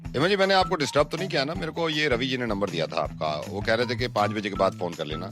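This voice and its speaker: A man's voice: mid-range voice, animated, quick pace, music in the background. Coaxing male prank caller. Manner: coaxing, friendly, persistent. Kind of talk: prank phone call.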